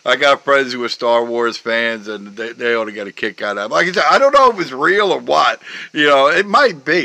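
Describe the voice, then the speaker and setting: A middle-aged man chatting casually, rambling with constant "you know" fillers and trailing off softly. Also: mid-range voice, low-quality recording. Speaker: vlogger. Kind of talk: casual rambling chat about memes.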